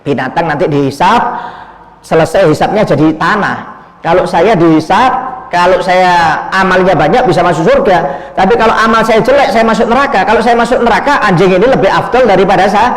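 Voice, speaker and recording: A man with a high-pitched, brisk voice preaches a storytelling sermon, repeating himself and often cutting off words to restart them. He addresses listeners as "Pak," and the recording has an echoey hall sound.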